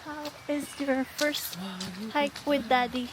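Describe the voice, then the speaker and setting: A woman's voice: sits high, level tone, slow. Filipino woman in noisy family vlog. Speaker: parent vlogger. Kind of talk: casual family vlog chat with a toddler. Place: mostly outdoors on family outings. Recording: very noisy outdoor handheld vlog audio.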